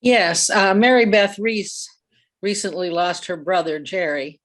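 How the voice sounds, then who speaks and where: A woman's voice: on the low side, fairly even intonation, unhurried. A woman in a congregation relaying a message sent in online, in a plain, matter-of-fact way.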